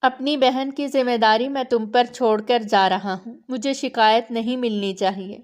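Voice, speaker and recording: A woman narrator voicing a protective elder brother who speaks softly but firmly to his sister. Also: fairly high pitch, steady tone, lightly acted.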